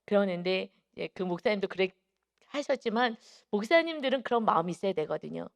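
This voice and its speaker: Korean pastor telling a sermon story. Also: male voice, high voice, brisk, vocal fry. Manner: animated storytelling with many emphatic fillers. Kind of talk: early-morning sermon.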